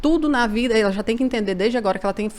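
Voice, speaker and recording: A woman with a Brazilian Portuguese accent, a podcast guest chatting casually and telling lively stories to her friend. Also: on the high side, very fast. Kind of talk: casual storytelling chat.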